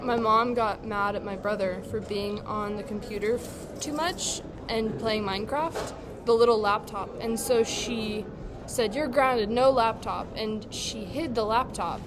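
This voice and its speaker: A woman's voice: medium pitch, measured pace, background noise. A young woman on a casual podcast, telling rambling anecdotes full of "like". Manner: rambling anecdotes with many likes. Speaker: podcast co-host. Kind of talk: casual storytelling chat.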